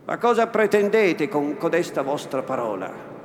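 A man's voice: fairly high pitch, sing-song, normal speed. A man voicing a feared, stern nobleman who gives commands, recorded in an echoey hall. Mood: scornful. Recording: echoey hall, faint noise.

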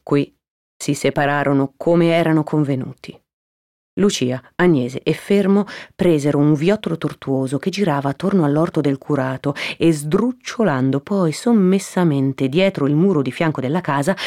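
Lady reading an old novel aloud, fairly low voice, slow and dramatic, goes hushed sometimes. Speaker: narrator.

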